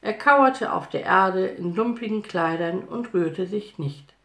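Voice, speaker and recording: Fields: Woman narrating a Bible story, gravelly. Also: medium pitch, unhurried. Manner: lively, expressive storytelling. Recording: roomy echo.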